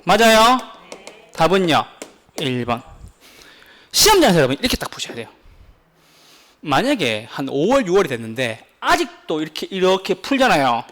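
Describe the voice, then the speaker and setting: A man teaching a real estate exam prep class, lively and insistent, constantly quizzing his students with questions. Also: a little high, normal speed, long pauses. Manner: pleading, insistent.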